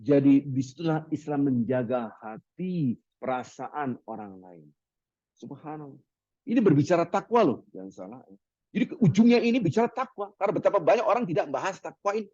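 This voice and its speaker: Man, animated sermon, chants Arabic lines, slightly higher voice, dry lo-fi sound. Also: no room sound. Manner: lively, acts out market haggling in quoted voices; chants Arabic hadith phrases slowly. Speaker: preacher. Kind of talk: Ramadan sermon.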